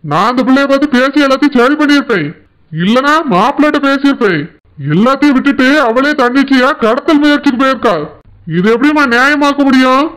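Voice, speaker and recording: A man's voice: extremely high pitch, fast, a bit bright, rough recording. A man voicing a stern, angry middle-aged village father who lectures indignantly with a Tirunelveli Tamil accent. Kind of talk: cartoon voice acting.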